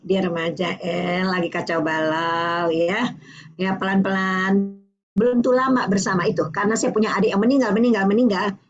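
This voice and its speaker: An older woman from Indonesia giving a lively parenting talk, acting out dialogues between a parent and a child. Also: mid-range voice, muffled recording. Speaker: parenting speaker.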